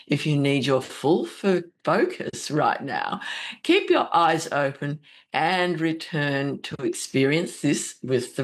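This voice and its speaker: A woman speaking as a spiritual host and meditation guide, with a soothing, gentle, deliberate delivery. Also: deep voice.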